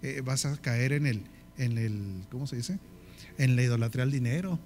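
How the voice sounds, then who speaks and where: In a darkish, mid-range voice at normal speed, a man with a northern Mexican Spanish accent leads a leadership course styled like a sermon. He regularly checks that the audience is with him and lists ideas through repeated phrases.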